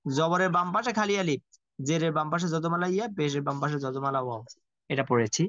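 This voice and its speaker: Guy teaching quran reading, spells out letters slow and sing-song, kinda higher voice, dull lo-fi audio. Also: a bit bright, no echo. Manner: slow, drilled letter-by-letter spelling with chanted repetition. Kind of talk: spelling out Arabic letters and vowels in a recorded lesson. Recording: dull lo-fi dry recording.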